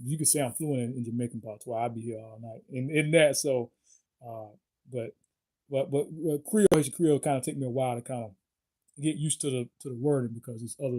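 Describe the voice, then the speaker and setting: Mellow-voiced man rambling a sign-off. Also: medium pitch. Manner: rambling, halting, searching for words. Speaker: video host. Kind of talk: casual vlog sign-off.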